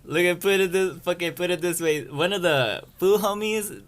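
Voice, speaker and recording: A man's voice: sits high, moderate pace. A young man telling a rambling story-time anecdote in casual, profane slang. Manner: rambling, slangy and profane, keeps saying "you feel me". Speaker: storyteller vlogger.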